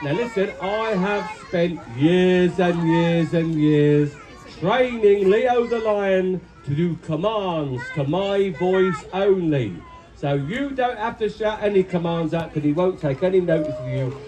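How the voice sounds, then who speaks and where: A man with an English accent voicing an excitable, teasing clown puppet in an interactive children's show, exclaiming in pantomime style. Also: sits high, a little slow. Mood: bossy, indignant. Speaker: Punch and Judy puppeteer. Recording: noisy outdoor recording with loud crowd.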